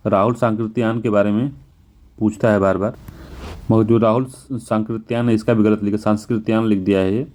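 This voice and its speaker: Male tutor, low mellow voice, repetitive and patient, drags out words as he spells them. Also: fairly even intonation, fairly quick. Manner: repetitive, self-correcting, often says "ठीक है". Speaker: exam prep teacher. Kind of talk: Hindi spelling lesson walking through test answers.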